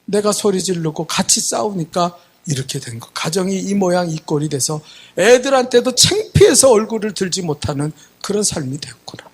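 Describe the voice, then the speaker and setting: Husky-voiced man preaching. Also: sits high. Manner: animated storytelling, acting out quoted voices. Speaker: senior pastor. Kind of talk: storytelling sermon. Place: church sanctuary.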